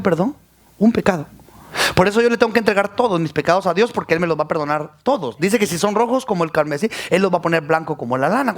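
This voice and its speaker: A male pastor, preaching a sermon and calling out to his congregation. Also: high-pitched. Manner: preaching with rising calls to the congregation.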